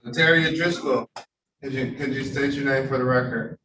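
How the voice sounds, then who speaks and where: A man's voice: mid-range voice, fairly even intonation, normal speed, sharp tone. A man presiding as a judge over a remote hearing, formal and polite, with frequent hesitations, heard as a courtroom recording. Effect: courtroom recording from a distant room mic. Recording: roomy courtroom audio from afar, faint hum.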